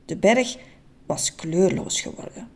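A woman narrating a children's story in an expressive, playful, suspenseful way. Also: medium pitch, slow pace.

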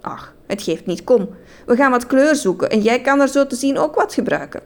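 A woman's voice: sits high, expressive, moderate pace, voice pushed up. A woman voicing a cheerful, easygoing lady thief, breezy and playful.

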